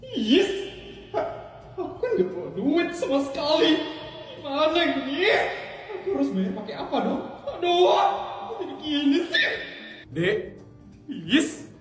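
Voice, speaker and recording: Shrill spoiled rich girl, laughing shouts, high voice, roomy sound, background music. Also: very animated, a little slow. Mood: giddy. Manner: shrieking, laughing through lines. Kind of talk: comedy skit voice acting.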